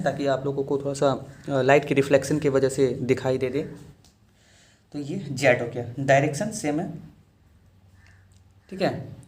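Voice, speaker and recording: A man's voice: fairly high pitch, a little mellow. Patient man teaching, echoey room. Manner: patient, repeats each step with frequent check-ins. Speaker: shorthand teacher. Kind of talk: step-by-step lesson.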